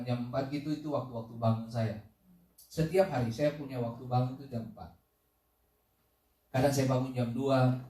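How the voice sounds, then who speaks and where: A man preaching a sermon as pastor, telling a story with lively repeated phrases and sudden loud questions. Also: mid-range voice. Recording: echoey room, voice from a distance.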